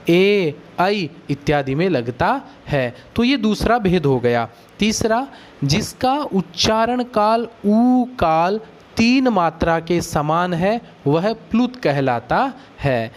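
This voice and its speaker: A man, teaching a grammar lesson at a deliberately slow pace. His voice sits high for a man. He is patient and explanatory, drawing out vowel sounds aloud as examples. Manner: patient, drawn-out, demonstrates vowel lengths aloud. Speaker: Sanskrit teacher.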